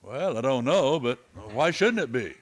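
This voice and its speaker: Man playing Marshal Dillon, mid-pitched frontier lawman. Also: lively intonation, moderate pace, close to an everyday voice. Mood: curious, easygoing. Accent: American. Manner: commanding, plain-spoken. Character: firm, fair male frontier marshal. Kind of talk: Western radio play acting.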